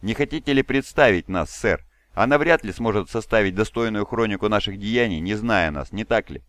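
A man's voice: on the low side, brisk, fairly bright tone, no echo, close to an everyday voice. A man voicing a bold, cheeky young male warrior who speaks forthrightly.

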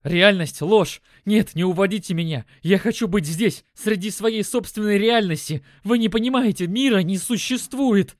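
A man voicing a frantic young man high on drugs, shouting and raving in an audiobook. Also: normal speed, few pauses, no echo, clean studio sound, lightly acted.

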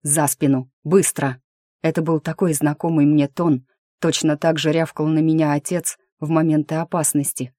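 A woman reading a first-person fantasy audiobook in a lively, wry storytelling manner. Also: low voice, no room sound, clean studio sound. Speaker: audiobook narrator. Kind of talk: scripted fantasy narration.

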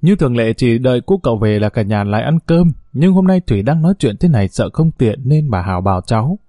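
A man reads a scripted story in a steady, unhurried narrator's voice. His tone is dark and mellow, and the recording sounds dry and close. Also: mid-range voice, dry recording.

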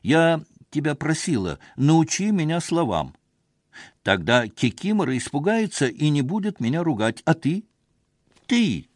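A man voicing a tearful, desperate young wife who pleads in shrill, sobbing outbursts. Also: big pitch swings, slow pace, pushed and bright, slightly rough, no echo, clean studio sound, exaggerated voice.

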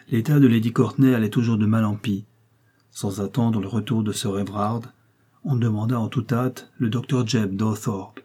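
A man reading a classic novel aloud in a measured, sober storytelling manner. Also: on the low side, mellow, slightly rough. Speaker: audiobook narrator. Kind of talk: literary audiobook narration.

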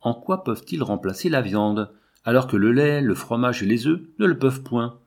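A man's voice: medium pitch, lively intonation, moderate pace. A man reading the part of a bitter, weary old male scholar who grumbles and reasons aloud. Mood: puzzled.

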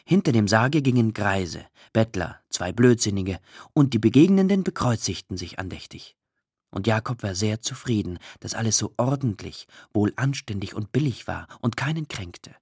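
A man reading a literary story aloud, expressive and emotional, with drawn-out pauses. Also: fairly low pitch, slightly rough, dry recording, clean studio sound. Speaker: audiobook narrator. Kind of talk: scripted literary narration.

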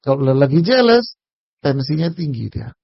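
An Islamic preacher gives a casual, humorous religious lecture, joking with his audience and speaking directly to them. His slightly high, husky voice has vocal fry and big pitch swings at a moderate pace, captured in a dry, lo-fi recording.

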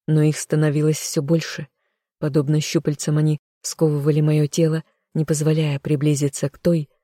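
Even, dark-toned audiobook narrator. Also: medium pitch, dry recording, clean studio sound. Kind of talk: dramatic first-person audiobook narration.

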